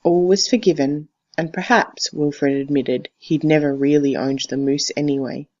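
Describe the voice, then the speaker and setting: Teacher, storybook narration, expressive, deliberate, mid-range voice, slightly dull lo-fi recording. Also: mid-range voice. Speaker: teacher reading to a class. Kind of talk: expressive picture-book read-aloud narration.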